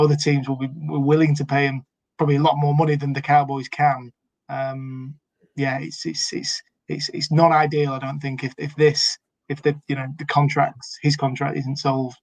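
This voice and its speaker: A man's voice: medium pitch, little pitch movement, moderate pace, gravelly, dry recording. A man co-hosting a casual sports podcast chat, hesitant with many fillers and restarts. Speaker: podcast co-host.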